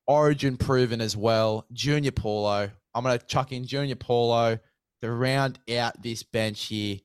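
A man hosting a relaxed sports chat, talking in a matey, slangy way. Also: medium pitch, unhurried, smooth, dry recording. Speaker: podcast host.

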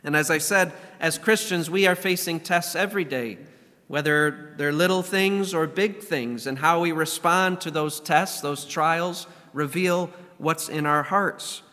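A man preaching as a pastor, his voice congested and stuffy from a cold, speaking in a measured, earnest way. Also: fairly high pitch, bright, forceful tone. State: getting over a cold. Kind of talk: sermon with prayer and scripture reading. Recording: long hall reverb.

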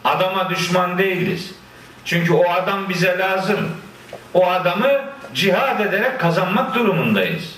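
A man preaching a sermon, quoting scripture in Arabic and explaining it with lively asides. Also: sits high, moderate pace, slight background noise. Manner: lively, quotes Quran verses in Arabic and explains them. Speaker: Islamic preacher. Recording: echoey room, voice from a distance.

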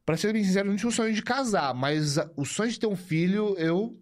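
A man in his thirties tells a personal story in a loose, rambling way during a casual interview. His voice sits a little higher than most men's. He keeps tagging his sentences with small check-in questions. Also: lively intonation, fast talker. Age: 30s. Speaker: guest's husband.

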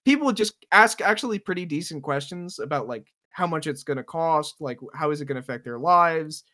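A man's voice: on the high side, lively intonation, a little fast, bright, forceful tone. Young man telling rambling stories. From New Jersey. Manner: storytelling, puts on voices in anecdotes. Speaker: podcast co-host. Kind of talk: casual chat.

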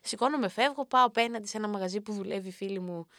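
A young woman hosting a show, telling a funny self-mocking story about a night out in a lively, animated way. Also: mid-range voice, no echo, clean studio sound. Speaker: radio host. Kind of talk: comic storytelling monologue.

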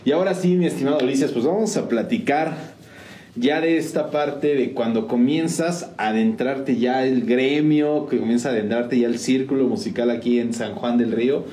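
A Mexican man hosting a casual interview, friendly and quick with short replies. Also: medium pitch, mellow. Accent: Mexican Spanish. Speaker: interview host. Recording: roomy with faint noise.

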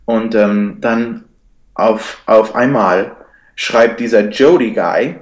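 A guest with a fairly low voice tells a personal story slowly in German, mixing in English words and often restarting his sentences. The audio is dull and the room echoey.

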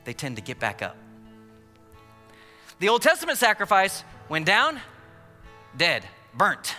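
Animated American preacher, bright ringing voice. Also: male voice, high voice. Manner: emphatic, dramatic pauses, repeats phrases for weight; humorous, colloquial. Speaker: pastor preaching. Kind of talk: animated sermon with acted-out asides. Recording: long hall reverb, music underneath.

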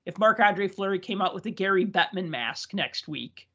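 A podcast host chats casually, telling stories with enthusiasm and laughing at his own tales. His high-pitched voice is bright, forceful and husky, with lively intonation at normal speed. The audio is dull and lo-fi.

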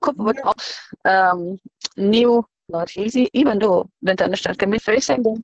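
A woman from Afghanistan, a guest in a remote interview, talks haltingly over a choppy video call line that keeps breaking up. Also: mid-range voice, dry recording. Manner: halting, searching for words. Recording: dull lo-fi call audio with faint music.

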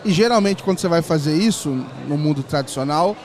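A male podcast host with a Brazilian Portuguese accent and a notably high voice. He talks in a casual, slangy way, as in an informal chat. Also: fast talker.

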